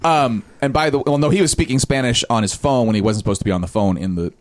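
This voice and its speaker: Guy rambling through a story on a podcast, lots of restarts and um, fishing for words. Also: mid-range voice. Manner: halting, restarts, searches for words. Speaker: podcast regular. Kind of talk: casual chat, telling an anecdote.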